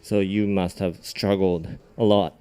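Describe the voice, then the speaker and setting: A man hosting a radio interview, speaking briskly and answering the guest with short acknowledgments. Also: sits low, fairly even intonation, mellow, smooth. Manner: brisk, frequent short backchannels. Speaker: radio host.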